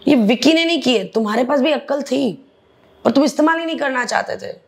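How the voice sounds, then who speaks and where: A woman's voice: sits high, a little fast, creaky. A woman speaking bluntly and animatedly as an interview guest, often slipping into English phrases. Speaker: interview guest, reality show contestant. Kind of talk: candid interview chat.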